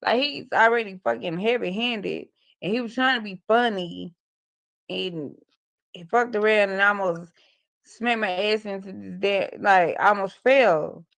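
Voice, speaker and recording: A woman in her forties hosts a casual livestream, spinning loose, rambling, profane stories for her viewers. Her medium-pitched voice is gravelly and a bit bright, and she speaks at a measured pace.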